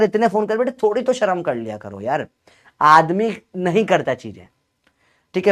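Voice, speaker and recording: A man teaching physics in a coaching lecture, joking and scolding his students and calling them "beta". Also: high voice.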